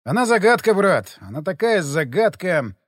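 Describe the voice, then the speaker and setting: A man's voice: sits high, very animated, moderate pace, no room sound, clean studio sound. A man voicing a weary, wry lovesick guy. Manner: tired, wry, sighing.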